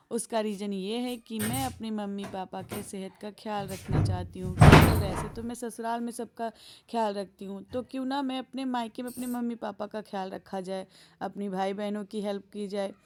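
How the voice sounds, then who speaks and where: A woman's voice: medium pitch, steady tone, normal speed. A woman vlogger narrating her daily chores in a homely, chatty voice-over. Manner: homely, chatty, gentle storytelling.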